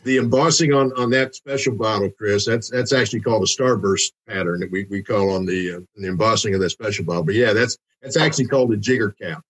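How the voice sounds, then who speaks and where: Low husky guy, distiller on a podcast, stops and restarts a lot. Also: rough recording. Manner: halting, many fillers and restarts. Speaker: master distiller guest. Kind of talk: casual interview talk.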